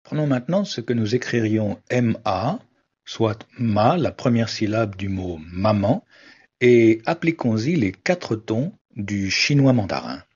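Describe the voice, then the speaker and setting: Slow husky-voiced male teacher. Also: on the low side, animated, darkish tone. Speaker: language teacher. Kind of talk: scripted explanatory narration. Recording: dull lo-fi recording.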